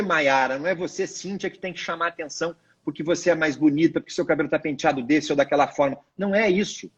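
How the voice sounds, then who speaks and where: Husky man, emphatic lecturing tone. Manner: didactic, emphatic, expressive pitch swings. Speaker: lawyer guest. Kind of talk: live video chat advice.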